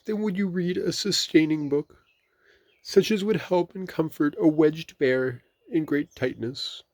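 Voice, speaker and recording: A man voicing a gentle, simple storybook bear, talking in a high, plaintive, earnest way. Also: steady tone, normal speed, no room sound, lightly acted.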